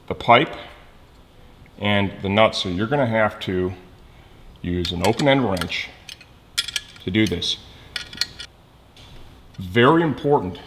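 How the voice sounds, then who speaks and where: A man with a lowish voice gives a casual hands-on tutorial as a motorcycle mechanic demonstrating an installation, explaining each step while he works and checking in along the way. The workshop is reverberant, with loud tool clatter and background noise.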